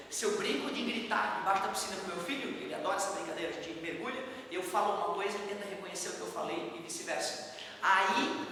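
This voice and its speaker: Man, physics teacher, patient step-by-step explaining, heard from a distance, booming room echo, faint background hiss. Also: pushed and bright. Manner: patient step-by-step explaining with casual asides to students. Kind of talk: classroom lecture.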